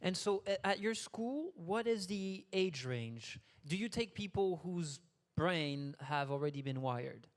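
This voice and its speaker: A man's voice: high voice, animated, measured pace. Moderator man in a reverberant hall. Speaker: panel moderator. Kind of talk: moderating a panel.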